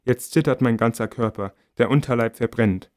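Man reading a novel quietly. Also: mid-range voice, normal speed. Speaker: audiobook reader. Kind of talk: scripted first-person narration.

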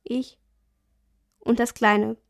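A woman reading the part of a mother who speaks softly but firmly to her son. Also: a little high, flat delivery, extremely slow, creaky, exaggerated voice. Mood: gentle. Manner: soft but firm. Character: gentle, firm young mother.

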